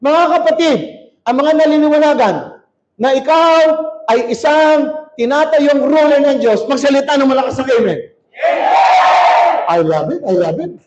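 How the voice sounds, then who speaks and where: A male pastor preaching a sermon in a church hall, shouting and calling on the crowd to answer back. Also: very high voice, moderate pace. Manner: shouting, rousing, calls for crowd response. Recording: dull lo-fi recording.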